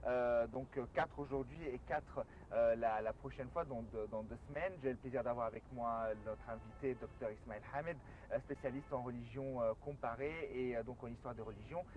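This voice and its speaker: A man hosting a studio talk show, introducing the episode and his guest with many pauses and restarts. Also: mid-range voice, highs cut off. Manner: halting, many fillers and restarts. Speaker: TV show host.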